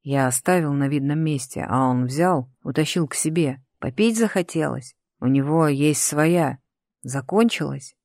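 A woman voicing a grim, watchful young man who speaks low, hushed and terse. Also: moderate pace, dry recording, studio quality. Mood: hushed warning.

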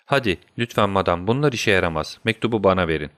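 A man's voice: low voice, lively intonation, quick pace, a bit bright, no echo, studio quality. A man voicing a brilliant male detective in an audiobook reading, speaking firmly and with command. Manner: firm, commanding.

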